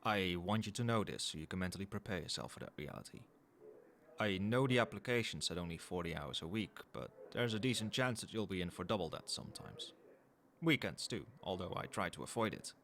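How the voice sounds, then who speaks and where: A male voice actor plays a cold, demanding CEO in an ASMR roleplay, speaking one-sidedly to the listener in a low register. His delivery is formal, measured and businesslike with a faintly suggestive edge, his mood firm, and his tone expressive and fairly bright. Background noise can be heard.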